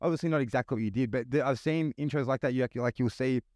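A man's voice: medium pitch, fast, darkish tone, no room sound, clean studio sound. A man hosting a casual podcast interview in hyped frat-bro style, swearing and calling people "bro" constantly. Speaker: podcast host.

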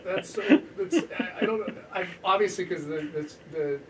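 A man's voice: high-pitched, expressive, normal speed, recorded from a distance, over a noisy crowd. A man hosting a podcast, chatting casually about sports in a rambling way with frequent restarts and laughter. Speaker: podcast host.

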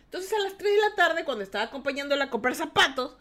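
A young woman with a high, bright-toned voice talks through a personal story on her podcast. She is animated and theatrical, slipping into little voices for the people she quotes. She speaks frankly and sometimes catches herself after a swear word. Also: fast talker. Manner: frank, swears then self-censors. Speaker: podcast host. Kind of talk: casual storytelling chat.

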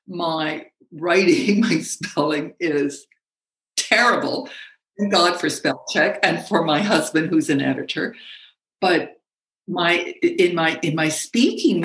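A middle-aged woman, a speaking coach, talking animatedly as an interview guest, with frequent laughs and halting restarts. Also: low voice, roomy sound. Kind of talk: conversational interview.

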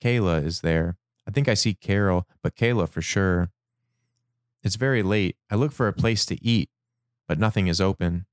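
Deep, smooth-voiced man reading a journal. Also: normal speed, no room sound, studio quality. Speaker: narrator. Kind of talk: reading a personal dream journal aloud.

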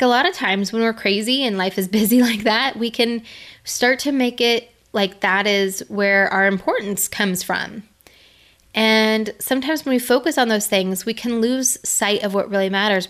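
A woman's voice: on the high side, fairly bright tone. A middle-aged woman giving an earnest, conversational faith-based motivational talk, laughing now and then.

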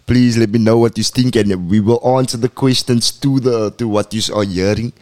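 A man's voice: mid-range voice, fairly even intonation, normal speed, darkish tone. A man with a Cape Town South African accent talking casual, boastful hype in street slang mixed with Afrikaans phrases, like a rapper guest. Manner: boastful, swaggering.

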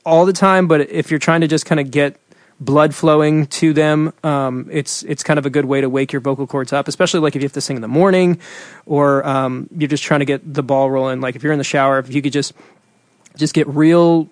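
A man co-hosting a casual chat, explaining singing and warm-ups in a rambling way with many fillers and restarts. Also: on the high side, steady tone, a little fast, no echo. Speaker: singer and podcast co-host.

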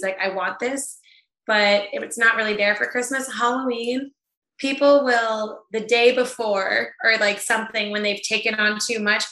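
A woman with a medium-pitched, sharp-toned voice appears as a guest over a video call in an echoey room. An event planner, she chats in a laid-back way during the casual interview and laughs often.

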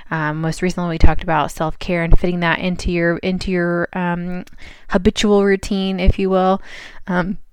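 A woman's voice: fairly low pitch, clear, resonant tone, no room sound. A woman hosting her own podcast in casual chat, stuffed up with a cold, chatty with many fillers and restarts. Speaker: podcast host.

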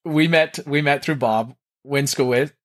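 A man's voice: medium pitch, measured pace. A man hosting a podcast who talks in a chatty, rambling way, with many fillers. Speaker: podcast host. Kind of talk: casual interview.

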